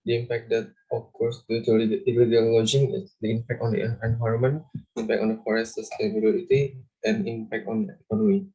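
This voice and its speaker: Mellow low student, halting reading. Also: male voice, flat delivery, highs cut off. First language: Indonesian. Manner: halting reading with stumbles and repeats. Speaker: student presenter. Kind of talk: reading a class presentation.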